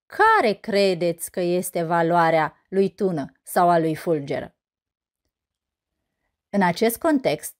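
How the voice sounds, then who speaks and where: Romanian woman teacher, mid pitch, careful scripted lesson read with steady clarity. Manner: clear, measured, asks and answers her own questions. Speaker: teacher presenting a grammar lesson.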